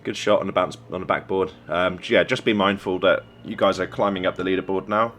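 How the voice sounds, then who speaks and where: A man's voice: deep voice, steady tone, fast talker, a bit bright, a little hiss or hum. A young man coaching a team while reviewing a game replay, encouraging and conversational. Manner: encouraging, conversational, praises plays. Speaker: esports coach.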